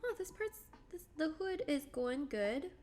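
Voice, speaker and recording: A woman in her late twenties hosts a livestream, chatting in a casual, bubbly way as she draws and reads viewer comments aloud. Her high voice is very animated and darkish in tone, and she speaks unhurriedly.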